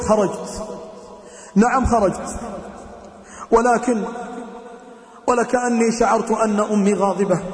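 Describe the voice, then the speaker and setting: A man preaching a sermon, telling a moral story dramatically and voicing its characters in a lower tone. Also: darkish tone. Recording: echoey hall.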